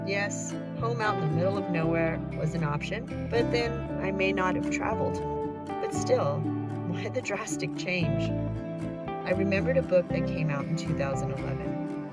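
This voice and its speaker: A woman in her forties giving a calm, reflective voice-over narration for her vlog. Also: deep voice. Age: 40s. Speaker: vlogger. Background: loud guitar music.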